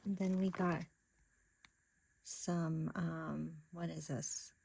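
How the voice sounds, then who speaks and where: A woman's voice: low voice, extremely slow, vocal fry, breathy edge, no echo. A woman chatting casually on camera as she unboxes craft supplies, gasping and gushing over each item. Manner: gasping, excitable, chatty with restarts. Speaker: crafting vlogger.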